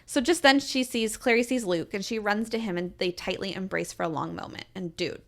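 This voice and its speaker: A woman's voice: medium pitch, a little fast, gravelly. A woman co-hosting a podcast, recapping in chatty casual talk with frequent laughs and swearing. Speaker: podcast co-host. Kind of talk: casual chat.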